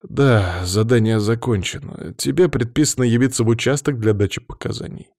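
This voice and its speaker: A man's voice: mid-range voice, moderate pace, a little mellow, no echo, studio quality, natural voice. A man reading an audiobook, voicing a nervous, apologetic male police colleague who sounds strained.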